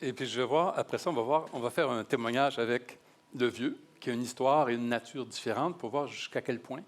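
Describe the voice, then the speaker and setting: A man's voice: mid-range voice, brisk. A man moderates a panel informally, hesitating and repeating his phrases.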